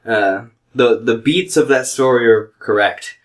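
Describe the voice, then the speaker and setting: A man's voice: mid-range voice, unhurried. An American man in casual comedic podcast chat, telling rambling stories in an irreverent, ranting way. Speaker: podcast host.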